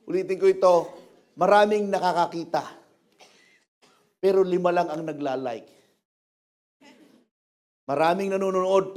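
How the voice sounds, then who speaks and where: A man with a Filipino accent preaching a sermon in church as pastor, switching between Tagalog and English and rising to loud emphasis. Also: high-pitched. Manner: mixes English phrases into Tagalog, animated, rises to loud emphasis.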